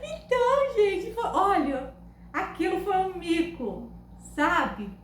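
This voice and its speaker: A woman with a Brazilian Portuguese accent, telling funny stories to her camera in a loud, animated, laughing way. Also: very high-pitched, slow. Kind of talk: casual storytelling to camera. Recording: echoey room, faint background noise.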